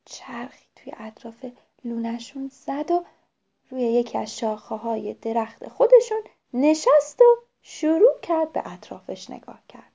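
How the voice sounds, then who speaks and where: A woman narrating a children's story, often turning to speak to the children directly. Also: fairly high pitch. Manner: lively, addresses the children directly. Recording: dull lo-fi recording.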